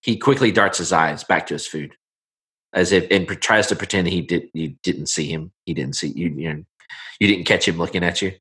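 A man improvising narration as game master of a tabletop game, informal, halting and folksy. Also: low-pitched, fairly bright tone.

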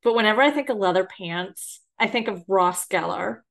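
A woman's voice: mid-range voice, moderate pace, gravelly, a bit bright. A woman hosting a podcast, chatting casually, laughing easily and adding apologetic asides. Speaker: podcast host. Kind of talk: casual chat.

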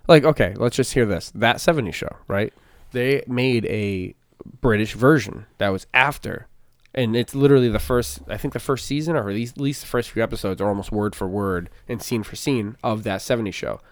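A man's voice: on the low side, brisk, no room sound. A man hosting a podcast, chatting casually and telling rambling stories. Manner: rambling, animated storyteller. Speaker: podcast host. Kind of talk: casual chat.

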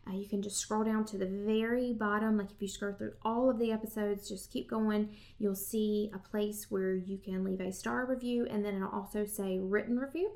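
A woman's voice: medium pitch, steady tone, moderate pace, few pauses, darkish tone. Chatty Southern woman hosting a podcast. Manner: chatty and friendly, speaks straight to listeners. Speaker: podcast host. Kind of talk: casual podcast introduction.

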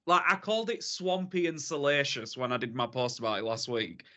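Male podcast co-host. Bright, edgy voice; camp, sassy, effusive, conversational. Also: medium pitch, fairly quick. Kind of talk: casual film discussion.

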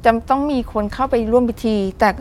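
A woman's voice: sits high, fairly even intonation, fairly quick, darkish tone. A woman calling in to tell a personal story. She speaks politely and animatedly, often addressing the host, and acts out voices as she goes. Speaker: caller sharing a personal experience. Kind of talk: vivid spoken storytelling.

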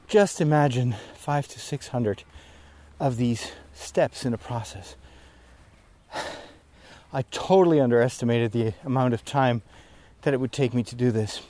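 Trudging uphill through the woods, this man, a priest who vlogs, talks in a winded, rambling way and pokes fun at himself now and then. His voice sits at medium pitch with a warm tone, and the clip is a walking vlog monologue.

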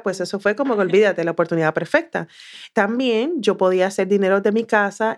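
A woman from southern Puerto Rico with a Puerto Rican accent, a podcast guest telling her story in a lively way and acting out what she once said. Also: mid-range voice. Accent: Puerto Rican Spanish. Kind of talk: casual interview.

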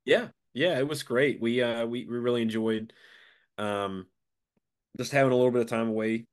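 A man's voice: mid-range voice, normal speed. A man with a stuffed-up, nasal voice congested from a sinus infection, chatting casually as a podcast co-host.

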